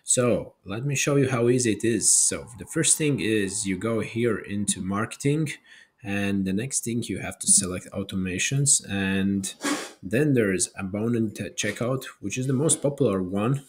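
A man in his thirties talks through a software tutorial at his desk in a practical, matter-of-fact way. His voice sits a little low and has a husky edge. His phrasing carries small grammar slips, and the sound is a close webcam-style recording. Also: moderate pace. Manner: plain, practical explaining with non-native grammar slips. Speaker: tutorial host. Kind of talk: screen-share software tutorial. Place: indoor room, webcam overlay.

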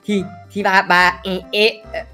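Picture a shy ex-bully schoolboy who trips over every word, repeating himself as he works up his courage, as a man acts him out. The voice is pitched up high, with soft music underneath. It plays like a Minecraft role-play scene. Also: fast, full character voice. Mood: bashful. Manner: stammering, repeating words nervously. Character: bashful teenage boy, reformed school bully.

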